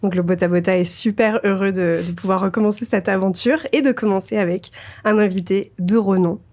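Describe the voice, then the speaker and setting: A woman's voice: medium pitch, steady tone, fairly quick, darkish tone. A woman hosting a podcast interview, reading a scripted intro and then chatting in a friendly way with light laughs. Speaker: podcast host.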